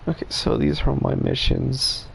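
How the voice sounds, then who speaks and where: Slow, gravelly male streamer. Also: mid-range voice, level tone, slight background noise. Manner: laid-back, laughing, cussing. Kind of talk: casual gameplay commentary.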